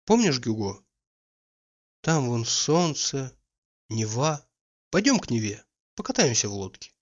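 A man's voice: medium pitch, a little slow. A man voicing a playful, teasing young woman in a read-aloud story. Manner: lively, teasing, carefree. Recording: dull lo-fi recording.

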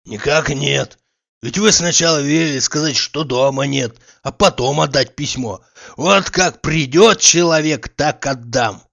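A man reading an audiobook, voicing a hoarse, stubborn old manservant who talks bluntly and loudly. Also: on the high side, unhurried, muffled recording.

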